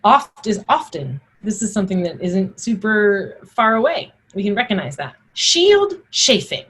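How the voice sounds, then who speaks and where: A husky-voiced woman teaching Old English pronunciation, reciting the old words and explaining them informally one by one. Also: medium pitch, sing-song, a little slow, a bit bright, poor audio.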